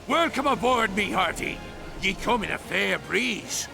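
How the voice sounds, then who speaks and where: An actor playing a gruff robot pirate captain who now exists only as a talking head, speaking in a gravelly pirate brogue and bossing everyone around. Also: male voice, high voice, lively intonation, exaggerated voice. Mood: mocking. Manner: bossy, theatrical, quick to yell. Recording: game audio over loud music.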